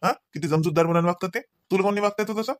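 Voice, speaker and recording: Guy doing a cranky cartoon husband, rapid-fire lecturing, dry studio. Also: high-pitched, no echo, natural voice. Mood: stern. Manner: nagging, lecturing, rapid scolding. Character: scolding husband Ravi, grown man, short-tempered. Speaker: voice actor. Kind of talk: cartoon voice acting.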